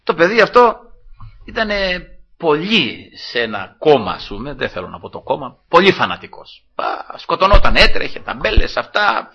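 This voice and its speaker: A man from Greece preaching a fervent sermon, shifting from quiet asides to loud exclamations and repeatedly addressing his listeners as brethren. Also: on the high side, very animated, gravelly, slightly rough, muffled recording. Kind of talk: evangelical sermon.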